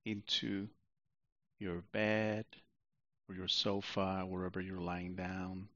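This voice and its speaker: A man narrates a sleep meditation in a soothing, sleep-story manner. His voice is lowish and creaky, and he leaves long, unhurried pauses between phrases. The sound is close and dry, though a little dull and muffled. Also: monotone, a bit bright, dry recording. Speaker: meditation guide.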